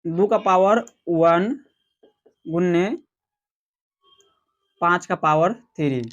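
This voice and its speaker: Slow-explaining Hindi maths teacher, man. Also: high-pitched, fairly bright tone, lo-fi sound. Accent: Bihari Hindi. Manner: slow, explanatory, asks questions and answers them himself. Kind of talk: classroom maths lecture.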